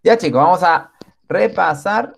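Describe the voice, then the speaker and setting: Slow, patient male teacher. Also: sits high, creaky. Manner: slow, patient, praising often. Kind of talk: online class for young children.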